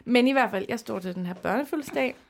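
A woman co-hosting a podcast, telling stories lively with acted-out quotes in a casual chat. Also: on the high side, vocal fry. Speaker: podcast co-host.

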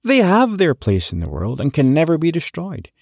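A man voicing Santa Claus as a kindly old man in a storybook reading, speaking calmly and musingly. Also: a little high, normal speed, vocal fry, no echo, clean studio sound, voice pushed up, heavily acted. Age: older. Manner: calm and musing.

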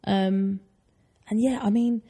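A woman's voice: medium pitch, fairly even intonation, slow, dark tone, breathy edge. A woman in her twenties co-hosting a podcast, chatting casually and often agreeing with "for sure.". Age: 20s. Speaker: podcast co-host. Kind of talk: casual chat.

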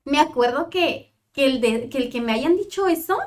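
A woman's voice: high-pitched, lively intonation, moderate pace. A young Mexican woman, a psychologist, telling a personal story in a casual interview and acting out remembered dialogue with animation. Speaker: psychologist guest.

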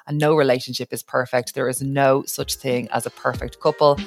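A woman's voice: a bass voice, flat delivery, a little fast, creaky, faint music behind. A woman from Dublin with an Irish city accent, hosting a podcast in a chatty, informal style. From Dublin, Ireland. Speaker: podcast host. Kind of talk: casual podcast chat.

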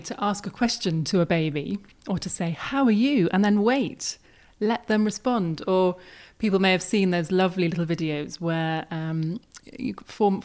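A woman child and family psychiatrist, explaining enthusiastically as a podcast guest. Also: fairly low pitch. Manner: warm, explanatory, enthusiastic about research. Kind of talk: podcast conversation.

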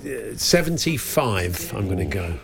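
A man's voice: on the low side, sing-song, a little slow, gravelly, over music. A man bantering casually as he hosts and plays a guessing game, chatty, teasing and often hesitant. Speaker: quiz game host and contestant.

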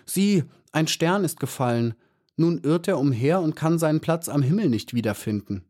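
A man's voice: mid-range voice, lively intonation, unhurried, a little mellow, voice pushed up. A man voicing a small, eager young female bee in a storybook reading, speaking with wonder. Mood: astonished.

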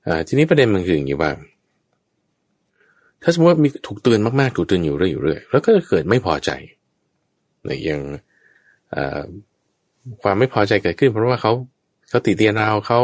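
A man's voice: fairly low pitch, very animated, fairly quick, long pauses, dry recording. A man teaching Buddhist Dharma in a conversational way, explaining patiently and checking that his listener understands.

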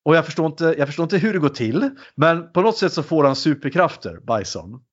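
A man's voice: a little high, lively intonation, slightly rough, muffled recording. A man in a casual chat, animatedly retelling a film with many fillers.

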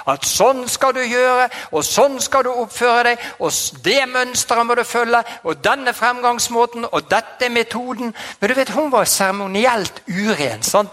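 A man preaching a sermon in a lively, exclamatory way, chuckling often and dropping in amens and hallelujahs. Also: high-pitched.

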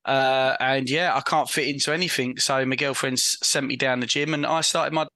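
A man's voice: mid-range voice, fairly even intonation, normal speed, bright, forceful tone, dry recording. A man with an Essex accent chatting casually as a podcast co-host, with blokey, self-deprecating, matey banter. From Essex, England. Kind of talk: casual comedic chat.

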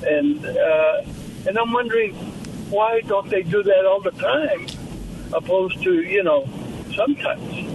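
A male caller on the phone to a talk show, telling a slow, rambling story. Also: sits high, expressive. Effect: over the phone. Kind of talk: call-in question and anecdote. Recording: distant noisy phone line.

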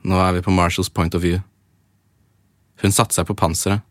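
Low-pitched and fairly flat in intonation, this man's voice comes through at studio quality with no room sound. He's a podcaster reading fan fiction in first person, pausing occasionally for jokey asides in a blend of casual conversation and dramatic read-aloud.

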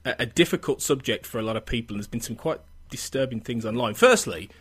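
A man with an English Midlands accent hosting a casual podcast discussion in a hesitant, halting way. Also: medium pitch, lively intonation, fairly bright tone, slightly rough. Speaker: podcast host.

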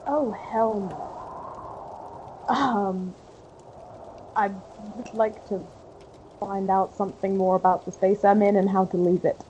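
A woman's voice: mid-range voice, fairly even intonation, slow pace, pauses often, dark tone, muffled recording, slight background noise. A woman playing a tabletop game, casually role-playing in a dry, direct way. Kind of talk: casual in-character role-play.

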